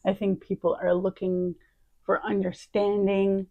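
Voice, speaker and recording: A woman speaking slowly and thoughtfully in a casual chat, laying out her ideas in short, measured phrases. Her voice sits at an ordinary middle pitch. The recording is close and dry, with no room sound. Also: flat delivery, no room sound, narrow, tinny audio. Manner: reflective, thinks aloud in short phrases. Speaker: co-host. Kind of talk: casual conversation.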